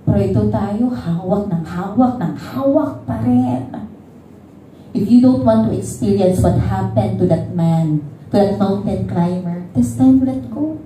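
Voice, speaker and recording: A woman's voice: medium pitch, measured pace, mellow, a little hiss or hum. A Filipino woman pastor leading an altar call, pleading and repeating phrases and drifting into song as she preaches. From Philippines. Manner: mixes Tagalog and English, repeats pleading phrases, drifts into singing. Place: church hall. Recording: echoey church hall, voice from far off, music behind.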